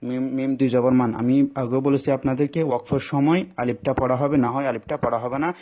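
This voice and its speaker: Male teacher walking students through letter-by-letter recitation. Warm, low-key tone. Patient, repeats everything, asks and answers his own questions. Muffled lo-fi recording. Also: flat delivery. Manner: stretches words into slow sung recitation. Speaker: Quran reading teacher. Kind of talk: step-by-step recitation lesson, spelling out letters. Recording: dull lo-fi recording.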